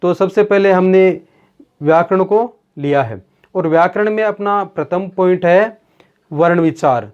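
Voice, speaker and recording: This man's voice sits high and sounds clean as he works through a grammar lesson like a classroom lecture, moving at a measured pace. He breaks each point down step by step and answers his own rhetorical questions, all captured in dull, lo-fi audio.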